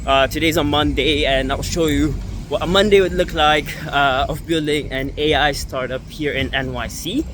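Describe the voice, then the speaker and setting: A man's voice: on the high side, fairly bright tone, a little hiss or hum. A man in his twenties, from Ethiopia, talking casually to camera in a vlog and rambling with lots of fillers and restarts as he moves around the city. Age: 20s. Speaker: startup founder vlogger. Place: New York City, walking around and at the gym. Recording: background music under voice.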